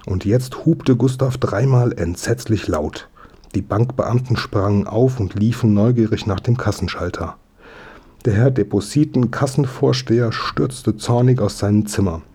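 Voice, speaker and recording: A man reads a storybook aloud in a steady, expressive way. His voice is low and dark, with a soft husky edge. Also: measured pace. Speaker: audiobook narrator. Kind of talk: storybook narration.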